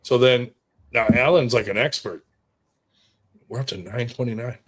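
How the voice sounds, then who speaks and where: A man's voice: medium pitch, normal speed, fairly bright tone, breathy edge. A man telling stories in casual chat, rambling and swearing freely, with lots of fillers. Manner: rambling and profane, with many fillers.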